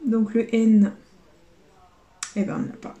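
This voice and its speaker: A young adult woman commenting casually to her viewers as she scratches lottery tickets, spelling out letters and swinging between dread and excitement. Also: fairly high pitch, unhurried, echoey room, highs cut off.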